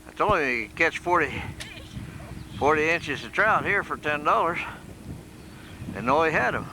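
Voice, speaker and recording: A man's voice: on the high side, animated, moderate pace, bright, forceful tone, slight background noise. A man chatting with humor while filming a family vacation outdoors by a lake, recorded on an old VHS camcorder tape. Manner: chatty, tells stories with humor. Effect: old VHS home video tape sound. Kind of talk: casual home video chat. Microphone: camcorder mic.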